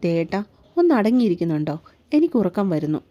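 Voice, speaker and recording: A woman's voice: lowish voice, sing-song, fast, mellow, muffled recording. A woman voicing a sulky, shy young wife in a read-aloud romance story, pouting and playful.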